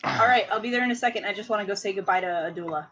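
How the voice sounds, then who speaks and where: A woman's voice: medium pitch, racing, a bit bright, husky, highs cut off, soft background music. A young adult woman chatting and exclaiming as a player in a tabletop game. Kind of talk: casual tabletop game chat.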